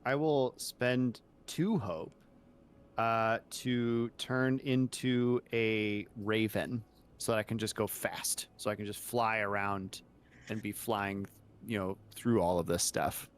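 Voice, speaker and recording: A man's voice: on the low side, fairly even intonation, slow pace. A man chatting casually as a player in a tabletop game, saying what his character does.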